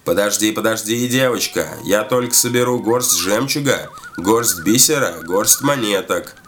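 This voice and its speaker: A man voicing an unseen forest spirit who answers in a slow, drawn-out, soothing way. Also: fairly low pitch, a bit bright, a little hiss or hum. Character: distant teasing forest spirit voice.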